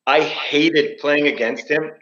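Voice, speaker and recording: A man's voice: a little high, fairly even intonation, slow, a bit bright. A man talking about sports in a casual, blunt, storytelling way, his microphone sounding like he is in a cave. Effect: cave-like echo on his microphone. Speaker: former player, podcast co-host. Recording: echoey, dull remote mic.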